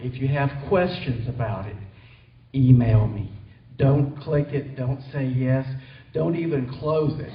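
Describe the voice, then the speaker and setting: A man giving an earnest presentation on technology at a company meeting, with some hesitations. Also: medium pitch. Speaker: technology trainer. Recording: distant, roomy, dull hall recording.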